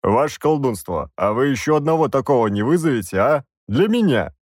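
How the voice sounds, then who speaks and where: A gruff, bass-voiced old army commander, as a narrator plays him, blunt and rough-spoken with a loud, lively delivery. Dry close studio sound. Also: male voice, a little fast, dry recording. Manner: blunt, rough soldier talk.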